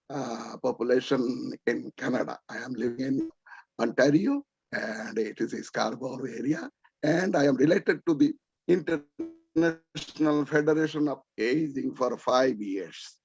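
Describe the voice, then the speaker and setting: A man from Bangladesh speaking up on a video call, rambling and halting, repeating words and losing track of names. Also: medium pitch, a little mellow, dry recording. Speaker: audience member asking a question. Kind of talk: rambling audience comment over video call. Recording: dry muffled call audio.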